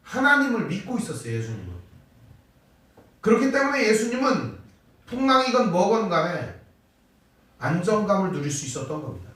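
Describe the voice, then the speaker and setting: A male pastor preaching a Wednesday sermon, asking rhetorical questions and acting out quoted lines with big swings in pitch and loudness, recorded in a church sanctuary. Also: big pitch swings, normal speed, long pauses, recorded from a distance. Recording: very echoey church hall, voice from off-mic.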